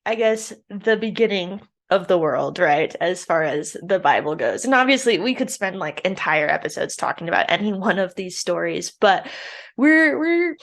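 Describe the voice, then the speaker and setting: A woman's voice: lowish voice, moderate pace. Chatty woman co-hosting a podcast. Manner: chatty, reads a scripture passage aloud in an even storytelling tone. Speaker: podcast co-host. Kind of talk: casual podcast chat.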